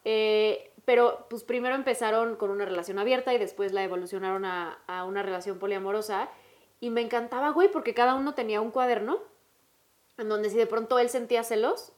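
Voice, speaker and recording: A woman with a Mexican Spanish accent hosts a casual podcast and talks at a rapid clip in a fairly high voice. She tells her stories with lively emphasis and plenty of slang. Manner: animated storyteller, slangy and emphatic. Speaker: podcast host.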